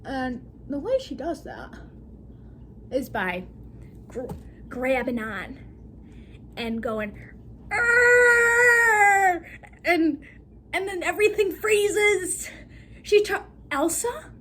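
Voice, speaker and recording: Giggly, high-voiced young woman rambling. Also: animated, slow pace, pauses often, slight background noise. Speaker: book vlogger. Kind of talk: casual book recap.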